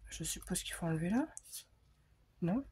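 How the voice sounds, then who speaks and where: A woman vlogging casually as she unpacks scrapbooking supplies, thinking aloud with frequent hesitations and quiet murmured asides. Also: on the low side, animated, moderate pace, slight background noise. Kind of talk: casual unboxing chat.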